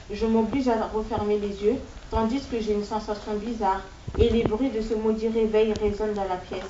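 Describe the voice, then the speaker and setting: A woman author reading aloud from her own novel in a steady, measured way, in short phrases, in a classroom. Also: mid-range voice, background noise. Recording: distant, echoey, dull-sounding recording.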